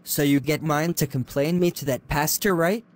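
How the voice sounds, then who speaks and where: Brief: a man playing a domineering young husband, higher voice, scornful and insulting. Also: moderate pace, close to an everyday voice. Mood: angry. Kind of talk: animated drama voice acting.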